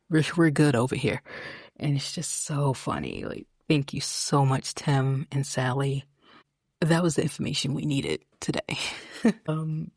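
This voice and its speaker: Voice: medium pitch, no echo, clean studio sound. An American podcast host recapping a TV soap in casual, opinionated chat, with many fillers and restarts.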